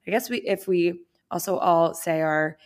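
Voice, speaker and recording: A woman's voice: lowish voice, normal speed. A woman in her twenties from Boston co-hosting a podcast, upbeat and chatty with plenty of "like". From Boston, USA. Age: 20s. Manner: upbeat, chatty, says "like" often. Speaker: podcast co-host. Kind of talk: casual podcast chat.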